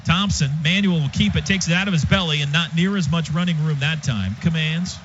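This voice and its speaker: A play-by-play man with a fairly high, fairly bright voice calls a football match at a fairly quick clip, his radio description short and clipped. He works from a stadium booth; the broadcast audio is dull, and stadium and crowd noise are plainly heard.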